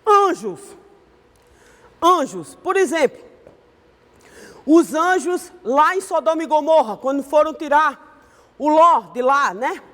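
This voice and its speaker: A woman's voice: sits high, expressive, slow pace, long pauses, fairly bright tone, long reverb tail. A woman with a Brazilian accent teaching an online Sunday school Bible lesson in a conversational way, often ending her sentences with a questioning tag. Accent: Brazilian Portuguese.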